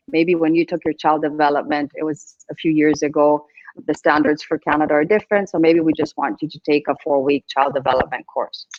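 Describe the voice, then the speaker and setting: A woman's voice: low voice, highs cut off. A middle-aged woman from Greece, a Montessori instructor, who answers webinar questions patiently and reassuringly over a video call. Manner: reassuring, explanatory, frequent restarts.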